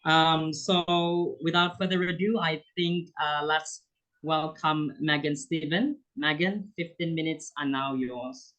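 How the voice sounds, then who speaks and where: A young man, a student intern, moderating a virtual panel with formal, halting introductions. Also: fairly high pitch, fairly even intonation, fairly bright tone, low-quality recording. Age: young adult.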